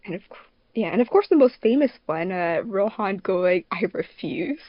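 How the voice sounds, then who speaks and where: A woman co-hosts a podcast and also works on a fandub production crew as an editor. She chats informally at normal speed, giggly and slang-heavy, her mid-range voice full of lively intonation. With no room sound, the audio is dry and slightly dull, like a remote voice call.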